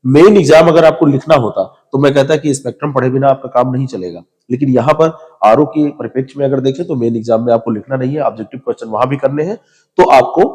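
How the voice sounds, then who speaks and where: An exam prep teacher with a medium-pitched, darkish voice offers direct, informal advice on which books to study for a civil service exam. He addresses viewers as "you," and the sound has a big-room quality.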